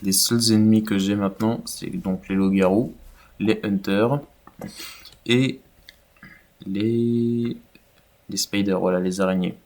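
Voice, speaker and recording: A man's voice: fairly low pitch, fairly even intonation, slow pace, long pauses, darkish tone. A man giving casual, rambling commentary over his own video game play, with many fillers. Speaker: gaming YouTuber.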